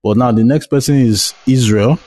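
A man's voice: mid-range voice, moderate pace, dark tone, dry recording. A man moderating a group discussion, hesitant and searching for words.

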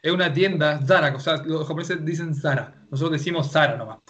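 A man's voice: a little high, quick pace, fairly bright tone. A man from Chile with a Chilean accent, teaching an online language class and explaining at length with many restarts. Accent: Chilean Spanish.

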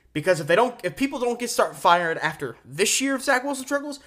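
Speaking in a high, pushed, bright voice, a male sports podcast host runs a solo show. He gives opinionated commentary emphatically, stretching words out to stress them.

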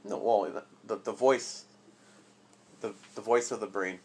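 A man's voice: lowish voice, fairly even intonation, unhurried, a little mellow, slight background noise. A man chatting casually with his child as her father, asking playful, probing questions. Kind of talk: casual chat.

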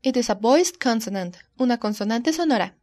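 A woman co-hosting an English lesson, reading model answers in a careful, deliberate way. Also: fairly high pitch, expressive, darkish tone. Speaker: co-host answering the teacher's questions. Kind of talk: scripted bilingual lesson dialogue.

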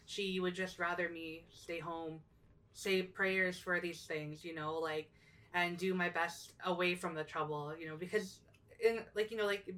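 A woman's voice: on the low side, steady tone, a little slow, a bit bright, distant mic. A young woman co-hosting a casual podcast, talking thoughtfully with lots of fillers and restarts. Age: young adult. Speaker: podcast co-host.

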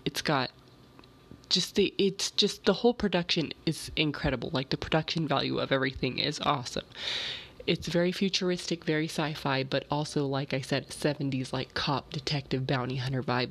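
A woman hosting a casual solo storytelling podcast in an informal, rambling, slangy way, a little sick, with vocal fry in her voice. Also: low-pitched, moderate pace. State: slightly sick. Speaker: podcast host.

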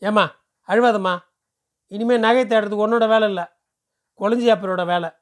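A man voicing a pushy, smooth-talking male temple ticket seller who lectures briskly and persuasively. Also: high-pitched, fairly even intonation, natural voice. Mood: brisk lecturing.

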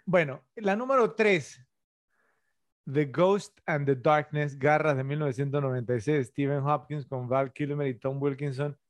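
A middle-aged man co-hosts a casual film-review podcast, rambling along and tossing in plenty of tag questions. His pitch is fairly high, his pace unhurried, and the recording dry.

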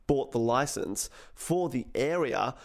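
A man's voice: mid-range voice, expressive, takes it slowly, creaky. A man, co-hosting a podcast and casually retelling a history story, acting out quotes along the way. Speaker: podcast co-host.

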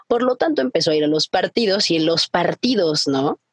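A woman's voice: fairly low pitch, fairly quick, background noise. A young Mexican woman co-hosting a chatty podcast, telling a story and acting out other people's voices. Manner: animated, acts out her dad's shouting, many fillers. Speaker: podcast co-host. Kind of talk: casual storytelling chat.

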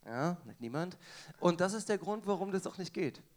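Male podcast co-host, sarcastic banter, crowd hype, slightly high pitch. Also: expressive, moderate pace. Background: audience present.

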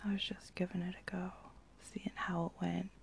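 A woman's voice: lowish voice, flat delivery, normal speed, creaky, slight background noise. A young woman, talking casually in a whispered ASMR voice, rambling with lots of fillers. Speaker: channel host.

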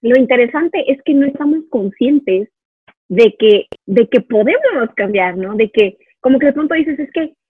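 A woman hosts a conversation, thinking aloud in a reflective way and checking in with short tag questions. Her voice sits fairly high and sounds husky. The sound is tinny like a phone line and dry. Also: expressive, normal speed, dry recording. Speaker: podcast host. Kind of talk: casual interview conversation.

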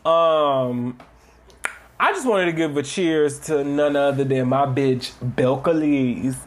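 A man's voice: fairly high pitch, takes it slowly. A man co-hosting a podcast in casual chat, swearing freely and mimicking people in exaggerated tones. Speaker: podcast co-host.

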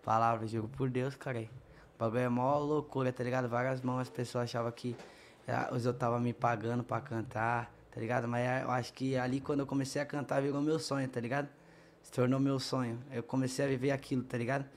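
A man's voice: medium pitch, flat delivery, fast, a little hiss or hum. A young man with a São Paulo Brazilian accent and a tongue-tied, slushy lisp, telling stories casually in heavy street slang. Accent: São Paulo state Brazilian. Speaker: guest, funk MC. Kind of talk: casual podcast storytelling.

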